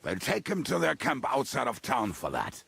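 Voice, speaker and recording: Casting: blackout-drunk medieval henchman in a game, gravelly and bitter, with big swings in pitch. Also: huge pitch swings, moderate pace, a bit bright, no room sound, exaggerated voice. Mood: grim. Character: drunken, gruff, bitter male robber and henchman. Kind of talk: video game dialogue acting.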